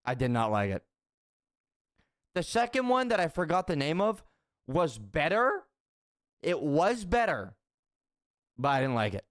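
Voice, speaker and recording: A young man with a slightly high voice tells stories in a loose, casual way, swearing freely. He repeats phrases for emphasis and laughs through his own anecdotes. The sound is close and dry, with no room echo. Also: sing-song, unhurried, pauses often. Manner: profane, repeats phrases, laughs while telling. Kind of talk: casual storytelling chat.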